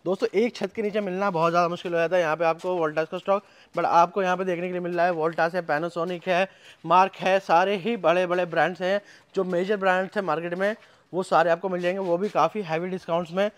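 A young man with a high, quick voice gives a hype-driven walkthrough of a large warehouse. He is filmed on a handheld phone camera and keeps calling out to his viewers. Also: level tone. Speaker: vlogger touring a warehouse. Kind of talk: fast promotional walkthrough.

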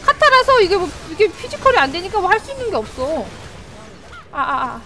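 A female game streamer commentating her own match live, exasperated, yelling at the game and grumbling to herself. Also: very high voice, sing-song, brisk, slight background noise.

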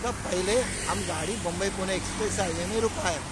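A man working as a driving instructor, reeling off a route stop by stop and giving blessings in mixed Hindi and English, outdoors by a highway. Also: brisk. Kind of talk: roadside student interview. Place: outdoors beside a busy highway. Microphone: phone camera held by the speaker. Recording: loud wind and traffic noise.

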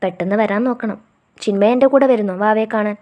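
Woman reading as a gently bossy young boyfriend. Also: medium pitch, fairly even intonation, fast, dull audio, natural voice. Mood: gentle.

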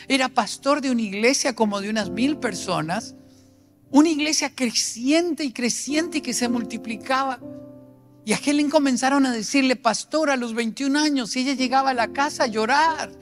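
A man in his sixties preaching a sermon with passion, swinging between loud emphasis and near-whispered lines. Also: extremely high pitch. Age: 60s.

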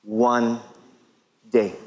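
A man in his thirties preaching a sermon to a large congregation, emphatic and full of rhetorical questions with drawn-out pauses. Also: mid-range voice, little pitch movement, darkish tone, muffled recording. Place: large church hall with congregation. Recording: long reverb of a big hall.

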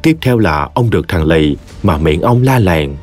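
A man with a Southern Vietnamese accent narrating a story in an expressive, folksy way. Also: low-pitched, measured pace, faint music behind.

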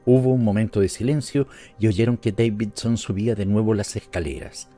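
A man with a Latin American Spanish accent narrates a story in a low, warm voice. His delivery is measured and even. Soft music plays faintly beneath the narration. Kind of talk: scripted audiobook narration.

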